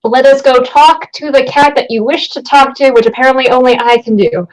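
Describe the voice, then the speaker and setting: Wry young woman, fairly high voice. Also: brisk, low-quality recording. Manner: wry, sardonic. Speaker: tabletop game player. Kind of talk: casual improvised role-play banter.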